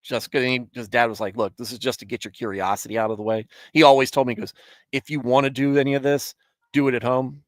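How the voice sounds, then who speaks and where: A man's voice: mid-range voice, level tone, fast talker, dry recording. A man in his thirties hosting a casual live stream, answering viewers in a rambling, self-correcting way and chuckling often. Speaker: streamer hosting a Bible show.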